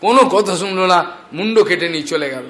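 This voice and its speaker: A man telling scripture stories as a devotional preacher, animated and acting out the characters' speech. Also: high-pitched, brisk. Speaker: Bhagavata storyteller preacher.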